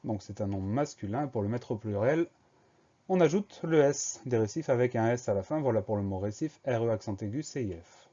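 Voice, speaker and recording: A man teaching a spelling lesson for young schoolchildren, going slowly and spelling each word letter by letter. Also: mid-range voice, animated, dark tone, muffled recording. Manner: slow, spells words letter by letter.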